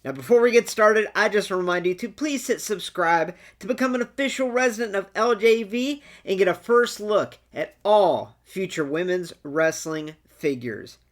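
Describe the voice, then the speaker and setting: Chatty collector host doing casual ranking commentary, opinionated, mid pitch voice. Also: moderate pace, few pauses. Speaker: video host and toy collector.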